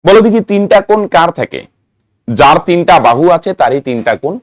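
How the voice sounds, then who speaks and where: A math teacher talks in a fairly high voice. He quizzes students and chants rhyming memory tricks in a singsong rhythm. The sound is dry and close, with no room echo. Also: lively intonation, brisk. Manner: rhythmic mnemonic chanting, asks students questions. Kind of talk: classroom lesson.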